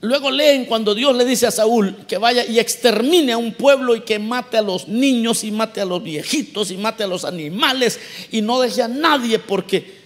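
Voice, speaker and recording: A man's voice: extremely high pitch, normal speed, a bit bright, in a large hall. A man preaching a sermon, asking the congregation questions and acting out the voices he quotes. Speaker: pastor.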